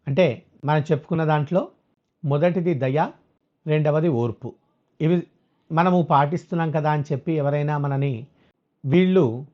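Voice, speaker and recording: A man giving a religious discourse as a spiritual teacher, explaining scripture and slowly chanting verses, on a dull lo-fi recording. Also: a little high.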